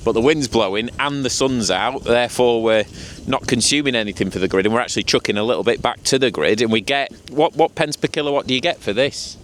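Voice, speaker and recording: A man's voice: mid-range voice, fast, slight background noise. A man with a Lancashire accent chatting casually and colloquially as the host of a trade vlog. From Lancashire, England. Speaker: channel host and heat pump installer.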